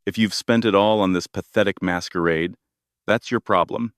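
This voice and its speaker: A man's voice: deep voice, steady tone, normal speed, fairly bright tone, smooth, no room sound, studio quality. A man voicing a spiteful, wealthy older woman who speaks with scolding contempt. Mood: scornful.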